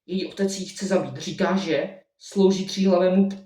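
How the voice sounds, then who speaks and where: A man's voice: sits high, fairly even intonation, dark tone, close to an everyday voice. A man voicing a stern male village innkeeper in an amateur storybook reading. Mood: gruff. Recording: roomy echo, mic at a distance.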